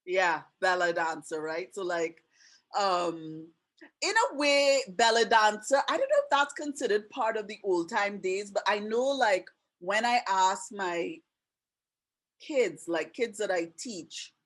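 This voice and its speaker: A woman's voice: mid-range voice, animated, measured pace, fairly bright tone. Trini-canadian lady running a zoom webinar, chatty, lots of "right?" asides, computer mic sound. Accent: Trinidadian with a Canadian tinge. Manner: chatty, friendly, explains with many asides and 'right?' tags. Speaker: webinar host and teacher. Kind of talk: casual online webinar presentation.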